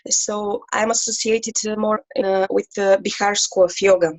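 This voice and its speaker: A woman from Bulgaria, introducing herself on a video call and haltingly searching for words. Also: medium pitch, fairly even intonation, rough recording.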